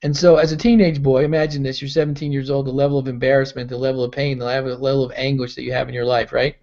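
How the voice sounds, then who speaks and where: A man's voice: medium pitch, flat delivery, fast, darkish tone. A middle-aged man giving a motivational mentoring talk on a call, telling stories and acting out the voices in them. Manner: storytelling, acting out quoted voices. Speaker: mentor and pastor. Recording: dull lo-fi call audio.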